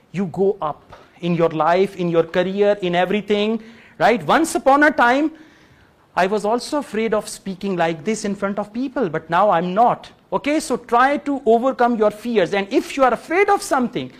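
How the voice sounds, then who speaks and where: A man with a Pakistani English accent lectures a live classroom, his voice pitched fairly high. He talks in a lively, joking way and drops into Urdu and Punjabi now and then. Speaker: English teacher. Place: classroom before a live audience.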